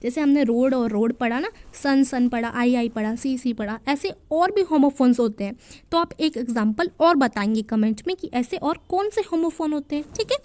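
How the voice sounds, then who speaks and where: High-voiced woman teaching young children. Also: a little mellow, no room sound. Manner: patient, spells words out slowly letter by letter; mixes English sentences into Hindi explanation. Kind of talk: explaining a worksheet to young children.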